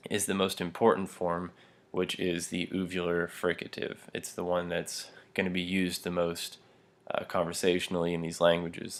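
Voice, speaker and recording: A young adult man teaching a pronunciation lesson, explaining step by step with frequent fillers and small laughs while demonstrating throat sounds. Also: low voice. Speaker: language teacher.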